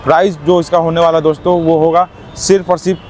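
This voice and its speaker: A man giving an eager, teleshopping-style car sales pitch, hammering points home by repetition. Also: flat delivery, fast, a little mellow. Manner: eager teleshopping-style selling, emphatically repeating prices. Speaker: used-car dealer presenting stock. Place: outdoors at a car lot. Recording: noisy outdoor car-lot sound.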